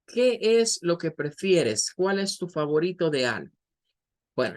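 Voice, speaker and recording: A man teaching a beginner English class, explaining step by step and repeating words slowly for students to copy. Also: on the high side. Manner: patient, repeats pronunciation drills. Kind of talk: online class lecture.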